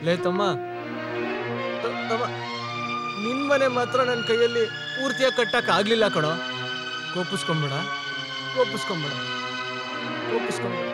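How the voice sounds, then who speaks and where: A man's voice: extremely high pitch, expressive, moderate pace, pauses often. An actor dubbing a down-on-his-luck younger brother who is drunk and rambles, repeating himself, in a dubbed film. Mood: drunk, rambling. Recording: loud film score behind. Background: music.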